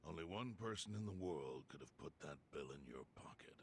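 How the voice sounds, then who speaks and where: An actor playing a calm older male syndicate chairman who talks in a measured, deliberate way. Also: a little hiss or hum. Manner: calm, deliberate, low-key. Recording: game audio with loud music behind.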